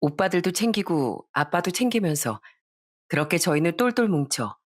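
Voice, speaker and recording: A woman calmly narrating a first-person family story in a reflective tone. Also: fairly low pitch, normal speed, dry recording, studio quality.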